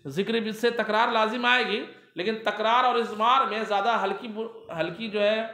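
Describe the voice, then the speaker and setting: High-voiced male teacher in an echoey room. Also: fairly even intonation, pushed and bright. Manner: asks students questions and answers them himself; slows down to read Arabic text aloud. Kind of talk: classroom grammar lesson.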